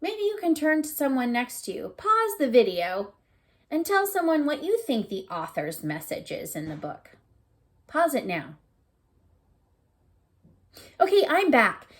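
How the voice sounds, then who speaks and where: A high-pitched teacher reads a picture book to children with lots of animation and expression. She adds asides and gently asks questions to get listeners thinking.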